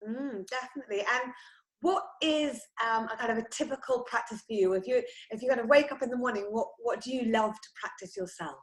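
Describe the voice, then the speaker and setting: A woman interviewer with a slightly high voice puts gentle, measured questions to her guest. The recording carries a roomy echo. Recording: echoey room sound.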